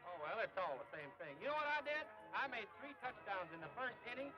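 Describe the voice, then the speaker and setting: A man's voice: extremely high pitch, very animated, fairly quick. Dopey, bellowing braggart man. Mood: boastful bluster. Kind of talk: 1930s film serial acting. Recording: dull old film soundtrack with music.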